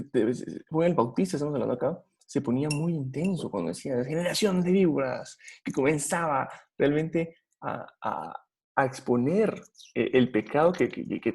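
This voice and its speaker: A man's voice: mid-range voice, gravelly, mellow, husky. A man with a Guatemalan Spanish accent preaching a Bible study sermon, earnest and putting rhetorical questions to his listeners.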